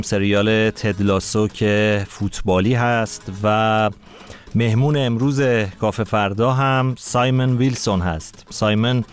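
Host guy w a lowish voice, friendly intro, soft music under him. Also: clean tone. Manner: friendly and welcoming. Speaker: talk show host. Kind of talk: presenting and asking questions.

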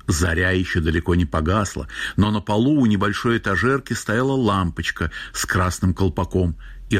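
A male narrator reading literary prose in a measured storytelling manner. His voice is low and husky. It is recorded dry and close, with no room sound. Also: no room sound.

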